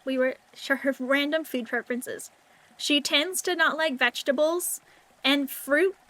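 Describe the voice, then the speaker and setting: A woman with a high voice chats as a livestreamer. Her delivery is cute in an anime-streamer way, and she rambles casually and informally to the people watching. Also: unhurried, pushed and bright, rough recording. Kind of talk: casual rambling chat with viewers.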